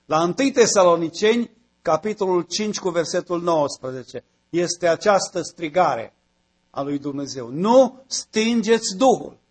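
A man preaching a sermon, building to emphatic repeated phrases. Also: fairly high pitch.

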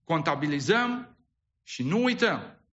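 A man's voice: fairly high pitch, sing-song, a bit bright, highs cut off. A man preaching a sermon as pastor, asking the congregation rhetorical questions and often repeating and restarting his words.

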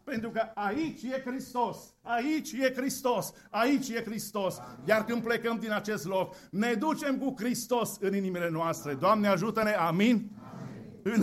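High-voiced man preaching fervently. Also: fairly bright tone. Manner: fervent, repetitive preaching cadence. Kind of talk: Easter sermon.

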